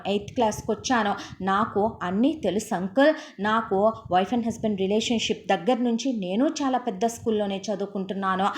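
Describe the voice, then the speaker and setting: A woman's voice: mid-range voice, voice pushed up, lightly acted. A woman voicing a teenage schoolboy who angrily lectures his stepfather, in a storytelling narration. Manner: indignant, lecturing, rapid reproach.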